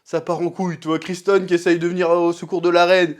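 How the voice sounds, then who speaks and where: A young man with a high-pitched voice talks through a TV episode in a loose, slangy way. He is animated and keeps slipping into quick acted voices to replay the scenes. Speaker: TV series reviewer. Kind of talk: casual episode review.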